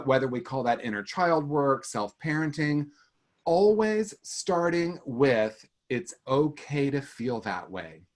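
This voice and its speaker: A man answering a question as a panelist in an online webinar, speaking earnestly and gently encouraging. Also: mid-range voice.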